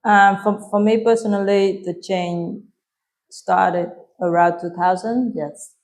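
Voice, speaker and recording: A woman in her thirties with a Vietnamese accent, answering interview questions in English softly and with frequent hesitations. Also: medium pitch, fairly even intonation, slow. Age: 30s. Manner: soft-spoken, hesitant with frequent ums. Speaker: guest.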